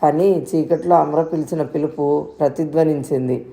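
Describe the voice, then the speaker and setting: A woman's voice: deep voice, flat delivery, normal speed, gravelly, warm tone. A woman narrating a story in a scripted reading.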